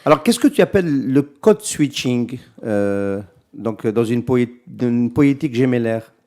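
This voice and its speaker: A man's voice: medium pitch, lively intonation, a little slow, warm tone. A man hosting a radio interview, asking short follow-up questions. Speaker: radio host.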